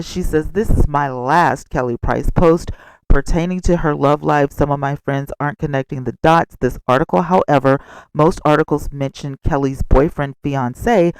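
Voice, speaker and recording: High-pitched man chatting gossip, close and dry. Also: darkish tone, smooth, no echo, rough recording. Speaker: gossip vlog host. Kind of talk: casual gossip commentary, chatty asides. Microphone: close microphone without a cover.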